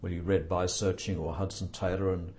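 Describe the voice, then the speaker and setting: Older guy being interviewed, really deep low voice, dry jokes, lots of uhs and ums. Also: little pitch movement, fairly quick, a little mellow, a little hiss or hum. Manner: thoughtful, dry humor, many fillers. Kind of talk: reflective interview talk.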